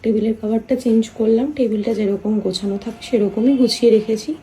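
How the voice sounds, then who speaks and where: A woman vlogging softly at home, chatting about her chores while someone sleeps nearby. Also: a little high, steady tone, a little fast, a little hiss or hum, rough recording. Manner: soft, hushed talk so as not to wake a sleeper; chatty, homely running commentary on chores. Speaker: family vlogger. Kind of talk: casual vlog narration. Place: home, indoors.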